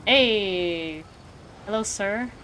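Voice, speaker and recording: Drawing out her words in a pushed, bright, mid-range voice, a woman chats casually while gaming and often thinks out loud absent-mindedly. Soft game music sits behind her, along with a little hiss or hum.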